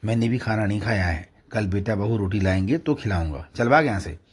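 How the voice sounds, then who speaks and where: A man voicing a kindly, frail old village shopkeeper, speaking gently. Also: lowish voice, sing-song, normal speed, breathy edge. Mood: scolding. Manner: gentle, scolding to the dog.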